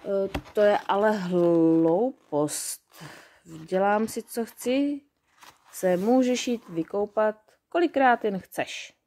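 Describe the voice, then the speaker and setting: A woman's voice: medium pitch, lightly acted. A woman voicing a band of mischievous forest goblins who love breaking rules. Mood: teasing. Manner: loud, teasing.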